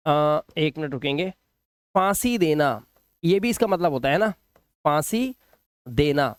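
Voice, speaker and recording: A man teaching an English lesson in Hindi. He explains slowly, repeats each word and keeps checking "ठीक है?". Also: a little high, no echo, studio quality. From India.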